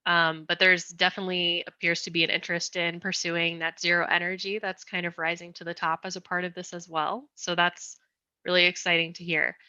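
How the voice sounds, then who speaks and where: Woman presenting at a community meeting, bright. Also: on the low side, little pitch movement, clear, resonant tone, no echo, lo-fi sound. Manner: explanatory, careful, slowing down on request. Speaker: school design presenter.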